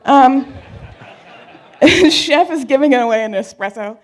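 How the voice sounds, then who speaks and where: A woman's voice: sits high, animated, slow pace. A woman from a sponsor booth joking and announcing a raffle winner.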